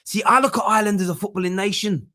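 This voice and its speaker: Fast and sharp, a high-voiced man keeps his tone steady while hosting a live football fan chat. He works through viewer comments casually, speaking bluntly with emphasis and plenty of repetition.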